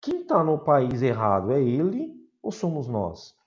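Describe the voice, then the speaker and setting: A man from Brazil teaching a class, talking in a lively, informal way and calling out to his students. His voice sits at an ordinary middle pitch. The recording is a little dull and lo-fi. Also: a little slow. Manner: lively, chatty, addresses students as "galera".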